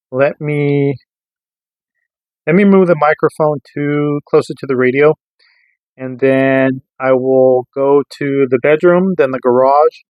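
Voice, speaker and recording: A man with a medium-pitched, slightly mellow voice, recorded with no room sound, hosts a radio gear review channel. His review is casual and hands-on, explained loosely and informally, and he keeps checking in with the listener through rhetorical questions.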